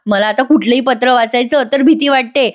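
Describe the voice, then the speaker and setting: Woman reading an upset young wife, sharp and reproachful, higher voice. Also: a little fast, natural voice. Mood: angry hurt. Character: young wife, hurt and angry.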